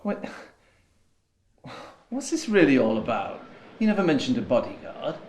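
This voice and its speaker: A man playing a police sergeant conducting a recorded interview, formal and questioning, growing skeptical. His mid-pitched voice echoes in a roomy interview room with faint noise. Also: very animated, moderate pace, natural voice.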